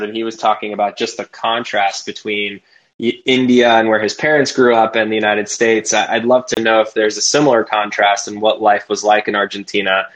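Low-voiced man hosting a podcast. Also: a bit bright, rough recording. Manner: eager and encouraging, with fillers. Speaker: podcast host. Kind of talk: casual interview questions.

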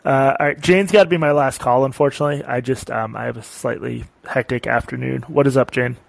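A man's voice: mid-range voice, fairly even intonation, fairly quick, gravelly, poor audio. A male podcast host taking calls, talking casually and thoughtfully, often trailing off with fillers. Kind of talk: casual call-in chat.

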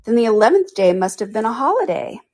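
A woman's voice: on the high side, big pitch swings, quick pace, a little mellow, pitched above the performer's own voice. A woman voicing a curious, polite young girl in a storybook reading, earnest and inquisitive.

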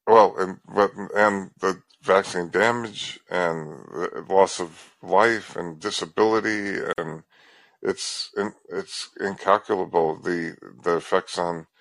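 Deep gravelly-voiced man calling in. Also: steady tone, takes it slowly, a bit bright, dry recording, poor audio. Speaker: caller. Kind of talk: phone-in conversation.

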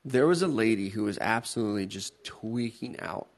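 A man's voice: lowish voice, animated, moderate pace, gravelly. A man co-hosting a talk show, telling stories casually and bluntly, swearing freely. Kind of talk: casual banter and storytelling.

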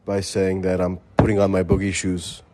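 Man in his thirties, low voice, wry rambling podcast host, recovering from covid. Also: monotone, moderate pace, background noise. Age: 30s. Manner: rambling, wry, self-mocking. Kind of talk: casual call-in podcast chat.

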